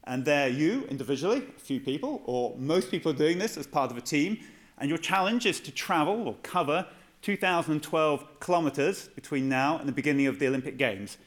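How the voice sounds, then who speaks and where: A British man giving a polite, conversational presentation to an audience in a measured, explanatory way. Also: on the high side, animated. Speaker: guest presenter.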